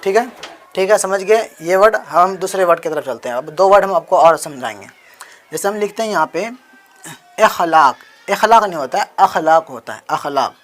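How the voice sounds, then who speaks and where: A man's voice: high-pitched, animated, normal speed, fairly bright tone. A man teaching Urdu handwriting, patiently spelling out letters one by one and answering his own questions as he writes. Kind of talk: explanatory handwriting lesson.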